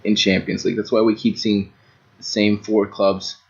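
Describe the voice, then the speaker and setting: A man co-hosting a casual football podcast, giving short, measured analytical remarks. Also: on the low side, little pitch movement, creaky. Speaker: podcast co-host. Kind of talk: casual sports chat. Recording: dull lo-fi podcast audio.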